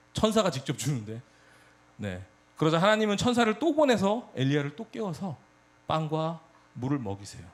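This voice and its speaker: Animated Korean youth preacher. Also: male voice, a little high. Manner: animated storytelling, addresses audience directly. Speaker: youth pastor. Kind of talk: sermon.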